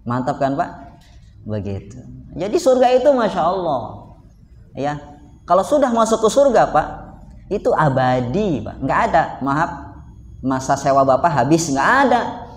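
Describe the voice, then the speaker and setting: A man's voice: on the high side, sing-song, normal speed, pauses often. A man preaching a casual, joking sermon to a live congregation, often turning to his listeners directly. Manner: jokey, keeps addressing listeners directly. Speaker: Islamic preacher. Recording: echoey hall with faint background noise.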